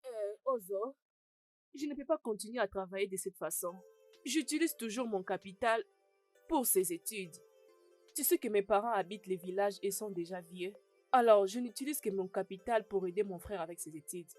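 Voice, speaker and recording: An actress voicing a young woman caught between a rich old suitor and her brother, earnest and placating in tone. Her voice is mid-pitched and even. Faint film music runs beneath the dub. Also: moderate pace, close to an everyday voice.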